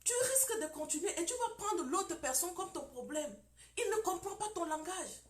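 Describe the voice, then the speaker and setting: Animated high-voiced woman preaching. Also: moderate pace, roomy sound. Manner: emphatic, with repeated phrases and rhetorical questions.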